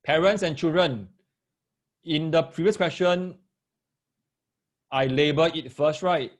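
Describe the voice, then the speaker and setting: Man, Singaporean accent, Singlish, fairly high pitch, online maths tutor, step-by-step explaining, repeated phrases, frequent check-ins. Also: takes it slowly. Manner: Singlish, with lah and ah particles. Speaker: maths tutor teaching parents and children.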